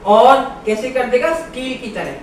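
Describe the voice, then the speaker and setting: A woman's voice: fairly high pitch, moderate pace. A woman yoga teacher explains breathing exercises patiently, one step at a time. Her voice comes from some distance off the mic in a strongly echoing room. A faint hum of ambience sits under her words. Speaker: yoga instructor. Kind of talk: instructional yoga lesson. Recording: very echoey room, far from mic.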